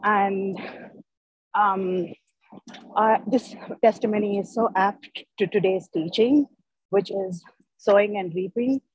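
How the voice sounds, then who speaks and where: A devout woman giving an informal, deliberate spoken testimony to a prayer group on an online call. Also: medium pitch, husky, dry recording. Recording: dry, dull call audio.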